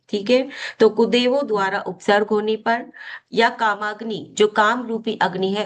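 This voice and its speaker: A woman teaching a spiritual healing course, explaining a devotional hymn step by step, often posing a question and then answering it herself. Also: medium pitch. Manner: explanatory, asks and answers her own questions; slow, deliberate chanting of mantra syllables.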